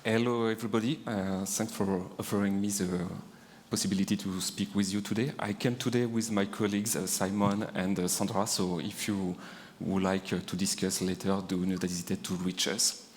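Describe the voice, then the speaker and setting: A man with a French accent giving a conference presentation, halting with frequent fillers. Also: low voice, flat delivery, slight background noise. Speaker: conference speaker, CPU engineer. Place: large conference hall. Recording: reverberant conference hall.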